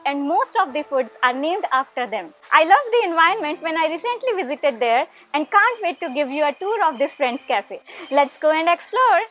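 A woman's voice: sits high, fairly bright tone. A woman in her thirties presenting a cheerful, friendly scripted vlog to camera outdoors, filmed from a medium distance. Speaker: travel vlogger. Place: outdoors by plants and pillars.

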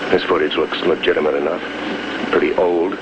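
Deep-voiced, terse 1950s undercover agent. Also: male voice, steady tone, brisk. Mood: grave, terse. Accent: American. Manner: clipped, terse, grave. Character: tense, watchful male undercover agent in his prime. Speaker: lead actor and voice-over narrator. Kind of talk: 1950s television crime drama acting and terse voice-over narration. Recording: muffled, noisy 1950s television film soundtrack.

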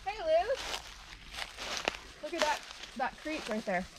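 High-voiced woman pointing things out on a hike. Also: sing-song, takes it slowly. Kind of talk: casual chat on a hike. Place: outdoors in woods. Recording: distant from the mic, outdoor noise.

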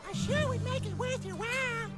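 Mr. Hankey, a squeaky chirpy little Christmas poo. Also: moderate pace, roomy sound. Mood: cheery. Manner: chirpy, sing-song folksy greeting. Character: cheerful male talking Christmas poo, small. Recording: game audio with loud music behind.

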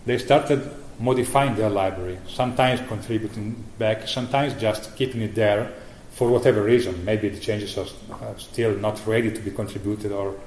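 A middle-aged man giving a conference keynote about software he maintains, speaking haltingly with many fillers and restarts. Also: lowish voice, steady tone. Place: conference hall. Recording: echoey room with faint noise.

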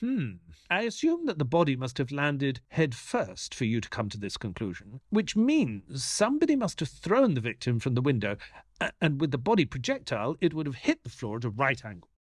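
A man playing a mild, earnest doctor who narrates his detective tale in a measured, polite audio play style. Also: mid-range voice, big pitch swings, no echo, studio quality. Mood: hesitant, polite. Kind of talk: dramatic first-person audio play narration.

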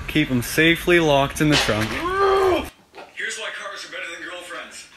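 A man's voice: on the high side, lively intonation, moderate pace, over a noisy crowd, poor audio. A man delivering a comedic list monologue for a short social media video.

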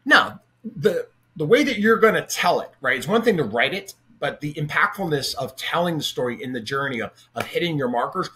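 Speaking fairly quickly in a high-leaning, expressive voice that sounds pushed and bright, a middle-aged man hosts a podcast from his home office. He chats energetically and casually with his guest on a video call, picked up by a webcam microphone.

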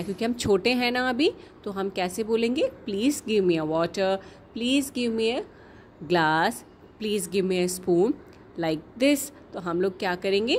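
Gentle sing-song kindergarten teacher woman. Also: mid-range voice, a little hiss or hum. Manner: slow, sing-song teacherly questioning, mixing English words. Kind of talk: online class lesson for young children.

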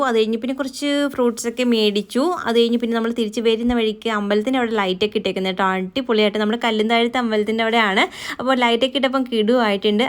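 Fast-talking chatty woman vlogger. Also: fairly high pitch, a bit bright. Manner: chatty and storytelling, often adding a friendly "you know". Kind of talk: voice-over narration of a daily vlog.

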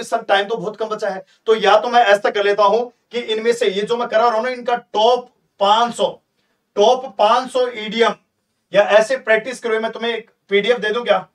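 Online tutor, male, high-pitched, chatty and repetitive, mic slightly distant. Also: level tone, fairly quick. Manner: chatty, coaxing, repeats himself, asks students questions. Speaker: teacher. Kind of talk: live online exam-prep lesson.

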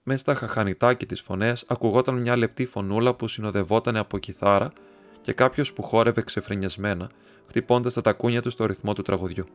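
A man narrating an audiobook in a steady, measured storytelling manner. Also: fairly low pitch. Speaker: audiobook reader. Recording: soft instrumental music underneath.

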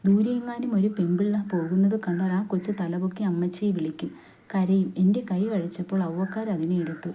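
A woman reading a literary story aloud in a steady, unhurried narrating voice, with dialogue quoted along the way. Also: on the low side, dull audio. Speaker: story reader.

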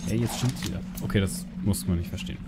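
Casual male gamer over loud music. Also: fairly low pitch, quick pace. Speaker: let's play host. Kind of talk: casual gameplay commentary. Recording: loud game music and sounds behind.

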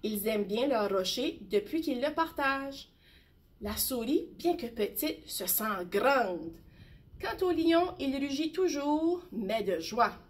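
Slow, high-voiced woman reading a story. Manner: slow, gentle, expressive. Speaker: teacher reading a bedtime story. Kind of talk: storybook read-aloud.

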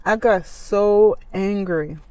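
A woman talks at an unhurried, drawn-out pace while she eats. Her words come through mid-chew, casual and conversational, with a voice of middle pitch. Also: a little mellow, smooth, no room sound, low-quality recording. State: talking while chewing. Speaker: mukbang vlogger. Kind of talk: casual talk to camera while eating.

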